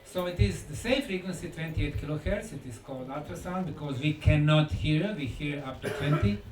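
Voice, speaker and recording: This conference talk comes from a Bosnian lecturer and researcher whose first language is Bosnian, speaking in a slightly high, expressive voice. He delivers short, measured phrases broken by dramatic pauses and rhetorical questions, picked up by a faraway mic in an echoing hall with faint noise.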